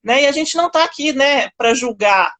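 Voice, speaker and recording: A Brazilian woman hosts the live stream in a calm, reflective way, her voice fairly high. She keeps checking in with little tag questions. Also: normal speed. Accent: Brazilian Portuguese. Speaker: kid coach, live host. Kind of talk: casual live-stream talk.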